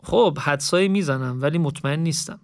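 A man voicing a calm young male student who answers softly and politely in an audiobook. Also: on the high side, no echo, clean studio sound, natural voice. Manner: calm and soft-spoken, polite.

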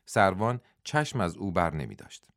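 A man reading a novel aloud as audiobook narrator, in steady scripted storytelling. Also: deep voice, no room sound, clean studio sound.

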